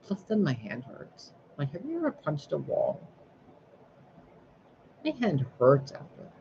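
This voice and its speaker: A man's voice: on the high side, wildly swooping pitch, a little slow. A man talking to camera in a casual vlog, rambling and swearing freely as he vents about his day. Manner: rambling, profane, venting. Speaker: spiritual sign reader. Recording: dull lo-fi recording with clear background noise.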